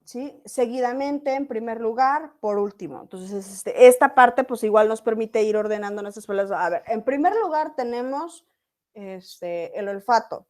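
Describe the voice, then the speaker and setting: A female teacher gives an online lesson in a slightly high voice. She explains patiently and keeps checking in with her students. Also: normal speed, a little mellow. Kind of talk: online class lecture.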